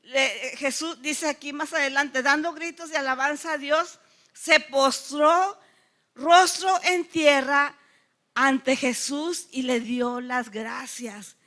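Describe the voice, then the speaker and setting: A woman's voice: high voice, steady tone, slow pace. A woman from Mexico preaching a sermon to a church, often asking the congregation rhetorical questions. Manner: acts out the lepers' cries loudly.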